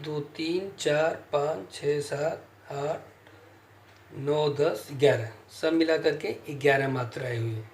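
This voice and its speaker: Slow male teacher. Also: fairly high pitch, echoey room. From India. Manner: slow, counts syllables aloud and spells sounds out. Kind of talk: slow classroom lecture.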